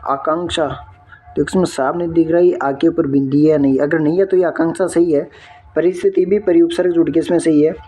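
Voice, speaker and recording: A man's voice: fairly high pitch, fairly even intonation, fairly quick, mellow, slightly rough, soft background music. A man working through an exam answer key step by step, often checking in with his viewers. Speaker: exam tutor.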